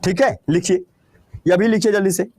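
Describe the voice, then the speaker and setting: Bihari guy teaching a class, high voice, dry sound, keeps asking the class n answering himself. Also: moderate pace, dark tone, no echo. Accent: Bihari Hindi. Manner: repeats questions and answers them himself. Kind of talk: classroom lecture.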